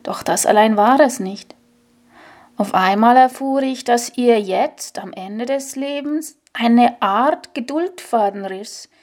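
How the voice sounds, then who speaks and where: A woman reading a literary story aloud in a measured, deliberate way. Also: mid-range voice, darkish tone.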